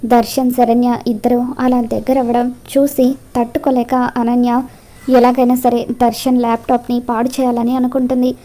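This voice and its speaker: A woman with a high, mellow voice narrates a serial recap, telling the scenes and reading out the characters' lines. Her pitch stays fairly even as she goes. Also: normal speed. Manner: retells scenes, voicing the characters' lines in quotes.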